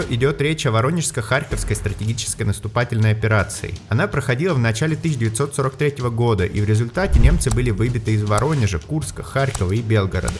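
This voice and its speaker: A man presenting scripted history narration with explanatory, opinionated commentary. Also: medium pitch. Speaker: history channel host and narrator. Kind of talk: scripted documentary-style narration. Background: background music.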